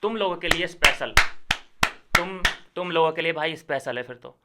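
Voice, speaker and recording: A man's voice: a little high, normal speed, very noisy. A young man making a ranting commentary video, indignant and lecturing, with heavy sarcasm. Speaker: YouTuber.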